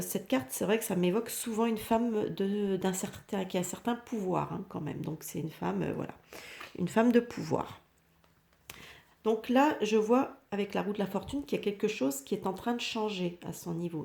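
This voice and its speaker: French woman doing a tarot reading, lots of euh and restarts, kinda gravelly mellow voice. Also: mid-range voice. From France. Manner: hesitant, many fillers and restarts. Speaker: tarot reader. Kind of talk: casual tarot reading commentary.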